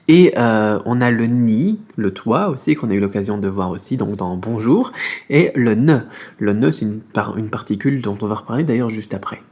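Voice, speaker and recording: A man teaching a casual beginner Mandarin video lesson, explaining in a friendly way, repeating sounds slowly, with many fillers. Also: lowish voice, a little mellow.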